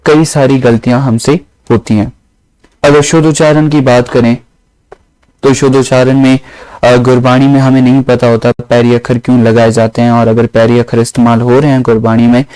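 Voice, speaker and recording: A man gives a devotional grammar lesson in a mellow, darker voice. He explains patiently and restates each point with a second word. The sound is dry and close, with no room echo. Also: mid-range voice. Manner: slow, explanatory, repeats phrases with synonyms. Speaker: Gurbani grammar teacher.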